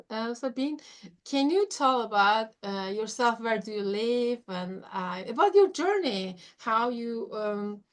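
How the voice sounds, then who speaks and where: Halting woman hosting an interview. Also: fairly high pitch, a bit bright. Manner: halting, many fillers and restarts, non-native phrasing. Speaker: interview host, nonprofit leader. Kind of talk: interview introduction.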